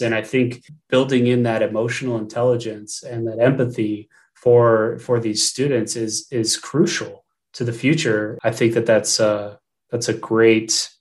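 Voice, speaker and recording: A man with an American accent hosts a podcast interview. His voice is low and fairly flat in tone. He talks hesitantly and restarts his sentences often. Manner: hesitant, with repeated restarts and fillers. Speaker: podcast host.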